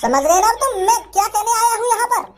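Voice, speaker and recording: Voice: extremely high pitch, animated, a little fast, noisy background. A performer voicing a lovesick young village man in a cartoon, earnest and stubborn, who rambles, repeats himself and stumbles over his words. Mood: insistent. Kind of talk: cartoon voice acting.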